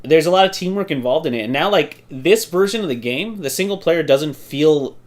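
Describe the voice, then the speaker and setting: Stammering young man with a slightly high voice. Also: animated, fairly quick. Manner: stammering, restarts mid-sentence, laughs often. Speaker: podcast co-host. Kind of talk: casual chat.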